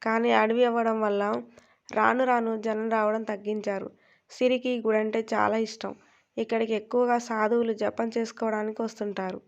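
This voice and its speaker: A woman's voice: a little high, vocal fry, darkish tone, highs cut off. A woman narrating a story aloud and reading every character's lines in her own voice. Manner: reads all characters in her own voice with little change.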